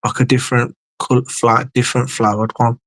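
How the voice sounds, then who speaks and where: Male streamer, gravelly and mid-pitched, rambling and swearing casually as he reads chat. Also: little pitch movement, normal speed, a bit bright, dry recording. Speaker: livestream host. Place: indoor home studio.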